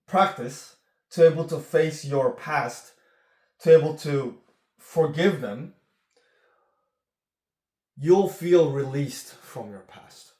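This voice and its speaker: A man's voice: a little high, darkish tone, echoey room. A man speaking as a relationship coach in an earnest coaching monologue, often checking in with "okay?". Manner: slow, earnest, repeats "okay?".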